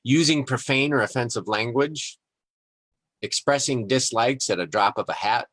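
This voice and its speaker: A man hosting a podcast in a relaxed, rambling way, reading passages aloud and chatting about them with fillers and small chuckles. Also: medium pitch, moderate pace, no room sound, poor audio. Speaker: podcast host. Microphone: live-streamed podcast mic.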